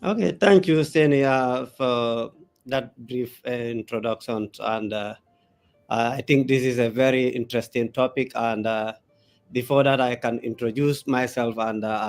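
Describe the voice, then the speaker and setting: A Gambian man gives his analysis in a live interview, in a voice of middling pitch. He speaks haltingly and fills his pauses with many drawn-out sounds as he works toward his points. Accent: Gambian English. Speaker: political analyst guest.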